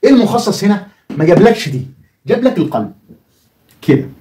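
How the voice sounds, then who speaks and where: An Egyptian man teaches a lesson with a fairly high voice that rises and falls a great deal. He keeps putting questions to the viewer and then answers them himself. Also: very animated, fast talker, dark tone. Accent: Egyptian Arabic. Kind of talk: explanatory video lesson.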